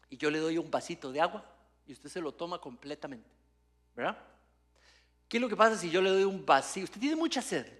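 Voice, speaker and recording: A man's voice: sits high, a bit bright. A man preaching at a church service as pastor, teaching with rhetorical questions and long lists and building to emphatic passages. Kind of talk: Spanish-language sermon.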